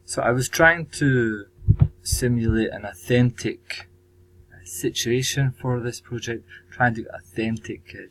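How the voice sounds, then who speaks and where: A man teacher presenting his language course tasks, measured and pausing often with ums. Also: on the low side, fairly bright tone, slight background noise, low-quality recording. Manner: measured, with frequent ums and pauses. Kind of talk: recorded presentation.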